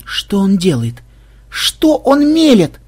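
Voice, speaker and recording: A man's voice: sits high, sing-song, normal speed, husky, pitched above the performer's own voice, heavily acted. A man voicing a tired young female thief with dry, skeptical remarks.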